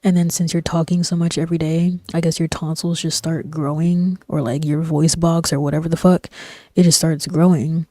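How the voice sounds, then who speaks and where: A young woman chats casually while gaming on a stream, her low, soft voice hovering close to a whisper. She sounds mellow and flat, rambling in a relaxed way at a moderate pace with lots of fillers and slang. She's close on a desk microphone, and the recording is dry.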